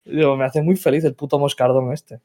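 Male guest, animated storyteller, casual and profane. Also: medium pitch, normal speed. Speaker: guest, tabletop game player. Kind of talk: casual interview chat.

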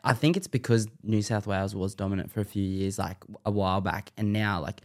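A man with an Australian accent, a podcast guest chatting in a relaxed, agreeable way. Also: lowish voice, a little fast. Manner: relaxed, agreeable, says bro a lot. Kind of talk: casual chat.

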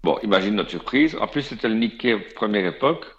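A Belgian man with a Belgian French accent, a guest on a radio show, telling a casual anecdote in a chatty, animated way with plenty of fillers and asides, in a slightly dull radio recording. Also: on the low side, fast, husky.

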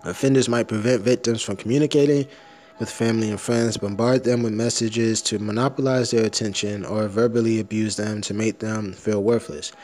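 A man's voice: on the low side, steady tone, a little fast, darkish tone, faint music behind. A man talking in a casual, blunt rant full of profanity and slang, sometimes reading an article aloud. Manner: uses slang like "bro".

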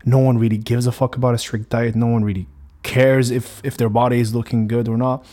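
In his laid-back solo podcast, this young host from Morocco, a native Arabic speaker with a Moroccan accent, wanders from point to point, restarting often and using fillers. He talks briskly in a mid-range voice that is flat in delivery but warm in tone.

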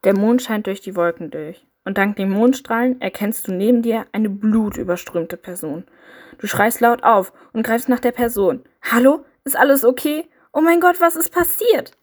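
A woman's voice: medium pitch, normal speed, a little mellow. A woman narrating a dramatic second-person interactive audio story.

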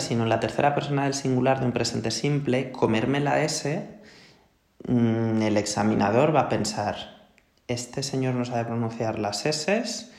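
A man from Spain with a Spanish accent gives an English pronunciation lesson, explaining patiently and checking in with his students. His voice has a gravelly edge. The recording sits in a noticeably echoey room. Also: mid-range voice, a little mellow. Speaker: English teacher.

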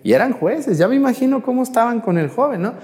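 A male priest, preaching during mass in a lively, teasing way and putting questions to the congregation. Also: very high-pitched, fast, big-room sound. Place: church.

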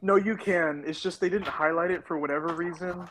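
A young man with a hoarse, worn-out voice, chatting excitedly on a podcast. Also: sits high, a little fast, a little hiss or hum. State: hoarse, lost his voice. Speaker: podcast co-host. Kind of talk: casual chat.

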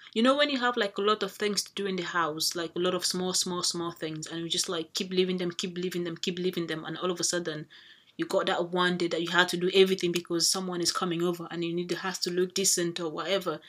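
A woman's voice: fairly low pitch, a bit bright. A woman giving a casual tarot reading to viewers, thinking aloud and rambling with fillers and restarts as she draws cards. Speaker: tarot reader.

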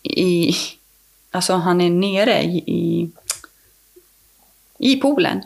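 Gravelly low-voiced woman telling a story. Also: a little mellow. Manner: rambling, restarts sentences, many fillers. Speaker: podcast guest. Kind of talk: casual storytelling in conversation.

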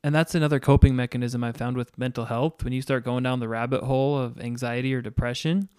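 A man's voice: mid-range voice, steady tone, fast talker, darkish tone, clear, resonant tone, dry recording, clean studio sound. A young man co-hosting a casual podcast, talking earnestly and thoughtfully about the things that help him cope. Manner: earnest, reflective advice-giver. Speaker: podcast co-host. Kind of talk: casual conversation.

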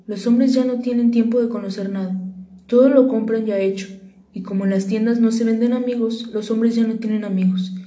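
A wise, gentle fox from a storybook, as a woman reader puts him on. His voice is warm and mellow, and he speaks with a patient, tender cadence. The reading carries a roomy echo. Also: fairly high pitch, steady tone, a little fast, natural voice.

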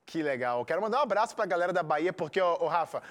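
A man's voice: on the high side, lively intonation, quick pace. A man with a Carioca accent from Rio, presenting a music show in a conversational style. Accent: Carioca Brazilian Portuguese. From Rio de Janeiro, Brazil.

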